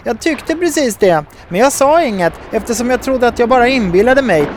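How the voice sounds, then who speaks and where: A man's voice: extremely high pitch, animated, a little hiss or hum, voice pushed up. A man voicing a curious young woman who mutters her thoughts aloud.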